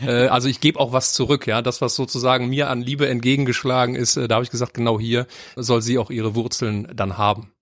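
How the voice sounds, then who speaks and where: A man's voice: mid-range voice, level tone, quick pace, few pauses, fairly bright tone, no echo. Earnest male guest, enthusiastic, dry studio sound. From Mönchengladbach. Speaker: guest, tour company co-founder. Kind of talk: casual podcast interview.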